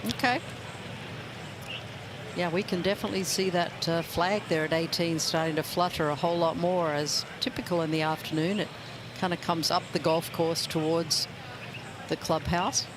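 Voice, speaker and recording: A man doing live golf commentary in a casual, conversational way. His voice sits a little high. Clear outdoor background noise runs behind him as he reads shots and chats through asides. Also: steady tone, moderate pace.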